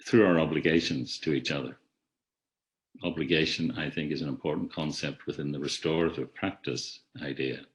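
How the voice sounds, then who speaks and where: Heard over a video call, a man with a very deep, low voice gives an academic talk on theory in a webinar; his first language is not Irish. His delivery is measured and reflective with a steady tone, and he often restarts phrases and lets his voice trail off as each thought ends.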